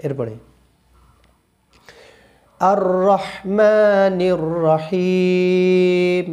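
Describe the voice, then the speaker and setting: A man with a Bangladeshi Bengali accent teaching correct Quran pronunciation, switching between brisk explanations and slow, drawn-out chanted recitation. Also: fairly high pitch, dark tone. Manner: alternates quick explanations with slow drawn-out chanted Arabic phrases.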